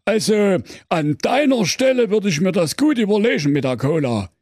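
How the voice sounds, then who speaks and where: A man's voice: high-pitched, very animated, normal speed, a little mellow, no echo, studio quality, pitched above the performer's own voice. A man voicing a chummy, know-it-all talking cola machine that gives a warning.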